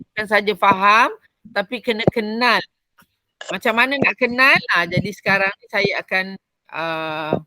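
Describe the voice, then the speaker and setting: A woman's voice: mid-range voice, pushed and bright, no echo, poor audio. A woman with a Malaysian Malay accent, teaching a Quran recitation voice class in an explanatory lecture, repeating key phrases as she goes.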